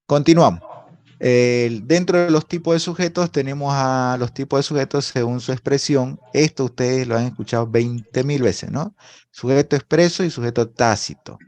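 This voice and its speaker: A man's voice: medium pitch, normal speed, darkish tone. A man teaching a language class over a video call, explaining patiently and often checking in with a questioning "right?". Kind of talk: online class lecture. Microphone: video call microphone.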